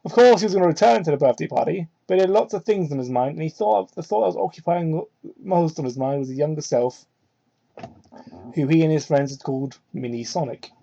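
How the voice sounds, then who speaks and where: Brisk and creaky, his dark-toned voice carries a host's theatrical, mocking read-through of fan fiction, peppered with sarcastic and incredulous comments. A cheap microphone leaves the recording muffled and poor in quality.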